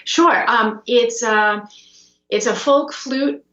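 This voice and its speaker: A young woman from Russia, a guest musician, answering interview questions over a video call in a relaxed way, with many ums and you-knows. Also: on the high side, takes it slowly. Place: small room at home, indoors. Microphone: video call with earbud headset. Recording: roomy, dull video-call audio.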